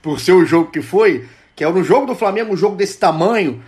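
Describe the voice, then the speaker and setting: A man hosting a football podcast speaks quickly in a high voice. His interviewing is conversational, with eager questions that wind along. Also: lively intonation, darkish tone.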